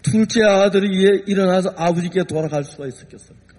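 A man's voice: high-pitched, fast talker, darkish tone. A man preaching a sermon as a pastor, emotional and acting out voices as he tells the story. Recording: long hall reverb.

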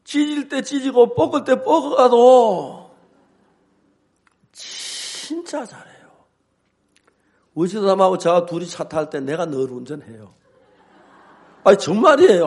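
An older man, a pastor, preaching with humor and telling animated stories, acting out his own shouts and both sides of a quarrel. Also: high-pitched, moderate pace, gravelly. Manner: animated storytelling, acts out shouts. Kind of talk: humorous sermon.

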